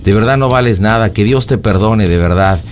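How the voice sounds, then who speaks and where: A man with a Mexican accent playing a sanctimonious religious lover who lectures calmly. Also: lowish voice, brisk, faint music behind, natural voice. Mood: preachy. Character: pious preachy man posing as the wife's lover.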